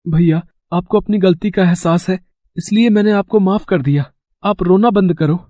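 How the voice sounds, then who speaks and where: A woman's voice: lowish voice, moderate pace, warm tone, dry recording, clean studio sound, natural voice. A woman voicing a simple, honest younger brother in a storybook tale, speaking earnestly and kindly. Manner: earnest, forgiving. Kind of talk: storybook voice acting.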